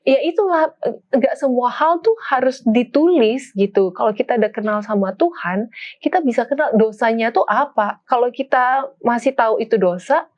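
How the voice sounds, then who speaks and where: A woman's voice: on the high side, moderate pace, a little mellow. A woman in a casual Bible study discussion, animatedly telling a personal story. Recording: dull lo-fi sound.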